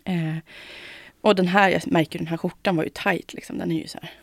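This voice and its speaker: Podcast host, young woman, gravelly, dry close sound, animated storyteller. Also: lowish voice, no room sound. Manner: animated storytelling, acting out both sides of dialogues. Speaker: podcast host sharing her weight-loss journey. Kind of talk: casual chat.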